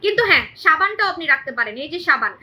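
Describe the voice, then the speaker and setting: High, bright, fast-talking woman seller. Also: very animated. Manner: emphatic and repetitive, keeps asking "right?". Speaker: online shop host selling beauty products. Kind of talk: live-stream sales pitch. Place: indoors in a room at home. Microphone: phone camera on a live stream.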